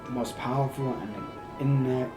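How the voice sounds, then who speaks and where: A man voicing a pompous, condescending villain mastermind in a youthful body, delivering theatrical, booming monologues in a game story. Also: fairly even intonation, measured pace, lightly acted. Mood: grandiose. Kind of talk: dramatic game story read aloud. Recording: echoey, loud music underneath. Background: loud music.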